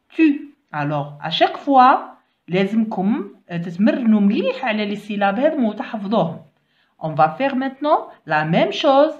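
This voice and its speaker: A woman teaching primary school French reading, spelling syllables slowly and mixing in Arabic asides. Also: a little high, highs cut off.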